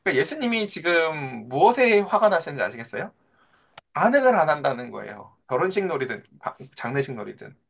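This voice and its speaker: Male pastor, sermon, lively pitch, fast talking, plays out the voices in his stories. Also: gravelly. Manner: animated, acts out quoted voices of children and Jesus; conversational, asks the listeners questions.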